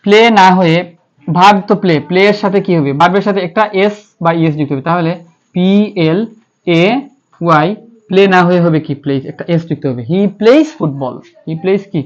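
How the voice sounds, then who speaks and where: A man's voice: high voice, steady tone, brisk. Bangladeshi guy lecturing on grammar, asks himself questions, spells words out, bit dull lo-fi sound. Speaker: English grammar teacher. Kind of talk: classroom-style lecture. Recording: slightly dull, lo-fi.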